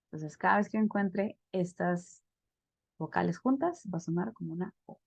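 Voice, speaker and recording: A woman's voice: on the low side, expressive, moderate pace, vocal fry, husky, dry recording, highs cut off. A woman teaching a pronunciation class over a video call, explaining step by step and checking in with her students. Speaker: English teacher.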